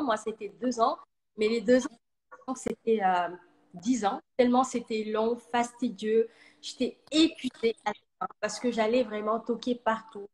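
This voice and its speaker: A woman's voice: on the high side, darkish tone, poor audio. Woman on a choppy, cutting-out live stream. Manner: earnest, speaks in short halting phrases. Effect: choppy live-stream audio cutting in and out. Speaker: coach for women. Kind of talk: live video chat testimony. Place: at home on a noisy street with roadworks. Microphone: phone on a live video stream.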